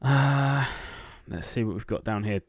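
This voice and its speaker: Low, slow man muttering quiz guesses. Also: husky, no room sound, studio quality. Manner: muttering names half to himself, lots of ums. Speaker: quiz gameplay streamer. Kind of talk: thinking aloud while playing a quiz. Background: keyboard typing.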